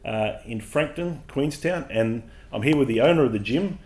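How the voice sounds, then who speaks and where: A man's voice: medium pitch, lively intonation, moderate pace, a little mellow. A man hosting a podcast, asking casual questions in an easygoing way with some fillers. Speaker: podcast host. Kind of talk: casual interview.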